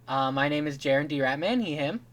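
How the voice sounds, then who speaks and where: A man's voice: fairly high pitch, expressive, brisk. A man co-hosting a casual podcast, joking and teasing, often laughing as he talks. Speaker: podcast co-host.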